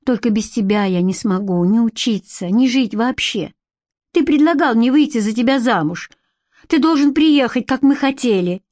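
A woman narrator lifts her voice for a young girl in love who pleads with a rushed, urgent catch in her speech. The storybook reading is close and dry, with no room around it. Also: fairly high pitch, animated, a little mellow, dry recording, pitched above the performer's own voice, natural voice. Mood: pleading.

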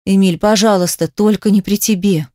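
A woman's voice: medium pitch, lively intonation, unhurried, darkish tone, dry recording, clean studio sound, natural voice. A woman voicing a distraught young wife in an audiobook, strained and pleading.

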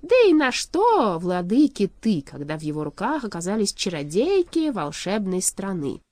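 A lordly shadow king, as a woman narrator puts him on, cold and gloating in a storybook reading. He talks slowly and loudly, with a pitch that swoops up and down. The tone is mellow, in a dry, close room. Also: sing-song, dry recording, lightly acted. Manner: slow, loud, lordly.

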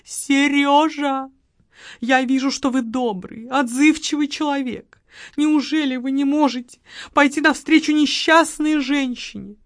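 Woman voicing a melodramatic widow, coquettish, pleading, sighing, high voice, audiobook reading. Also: fairly even intonation, unhurried, dry recording, studio quality. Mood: dramatic pleading. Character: theatrical grieving widow, coquettish, self-pitying woman.

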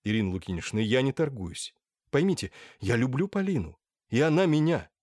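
A man's voice: mid-range voice, sing-song, a little fast, darkish tone, no echo, clean studio sound. A man voicing an earnest, pleading young man in love in an audiobook. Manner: earnest, imploring. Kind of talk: audiobook character voice.

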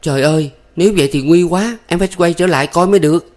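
A man reading a story, voicing a frantic, quarrelsome young village woman with shrill, panicked cries. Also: fast talker, darkish tone, lightly acted. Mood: alarmed.

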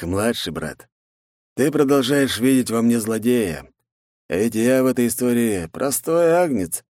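Male reader as a cold, mocking rival brother, measured, lively swings in pitch, dry audiobook sound. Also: dry recording, lightly acted.

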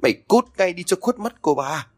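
A man voicing a frantic older village woman who wails for help and curses loudly. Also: sits high, lively intonation, a little fast, pitched above the performer's own voice. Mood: furious. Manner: wailing, cursing.

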